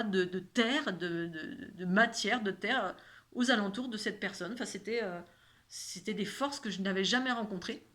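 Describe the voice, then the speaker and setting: A woman's voice: on the high side, fairly bright tone. A woman with a slight lisp on her s sounds, speaking in a casual, rambling spiritual monologue and repeating words for emphasis.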